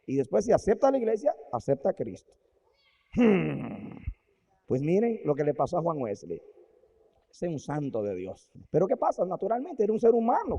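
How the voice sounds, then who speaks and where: A male preacher telling a story in a sermon, swinging from quiet asides to loud exclamations. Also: sits high, creaky, slightly rough, long reverb tail. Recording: dull lo-fi recording.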